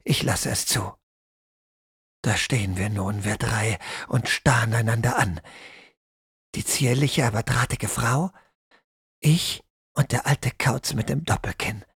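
A man narrating a first-person story in a measured, sombre audiobook manner. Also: medium pitch, creaky, fairly bright tone, husky, no room sound, clean studio sound.

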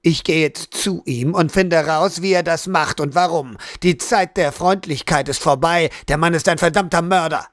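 A man's voice: fairly high pitch, moderate pace, hardly any pauses, a bit bright, dry recording, clean studio sound, lightly acted. Man voicing a harsh, commanding male captain. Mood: determined. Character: brutal male guard captain, aggressive.

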